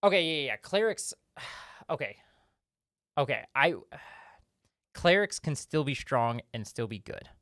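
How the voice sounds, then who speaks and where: A man's voice: on the high side, sing-song, measured pace, pauses often, a bit bright, dry recording, clean studio sound. A man hosting a casual live-stream Q&A, reading viewer questions and rambling through his answers with lots of fillers and restarts.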